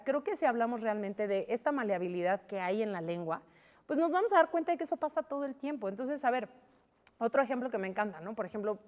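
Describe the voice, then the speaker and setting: A Mexican woman in her forties explaining her points in a lively studio debate, full of rhetorical questions. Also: a little high, big-room sound. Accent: Mexican Spanish. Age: 40s. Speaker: guest.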